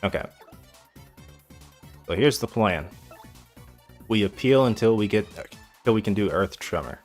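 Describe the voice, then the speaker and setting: A man streaming a video game, chatting in a relaxed, rambling, self-deprecating way. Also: fairly low pitch, measured pace, soft background music. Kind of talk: casual gameplay commentary.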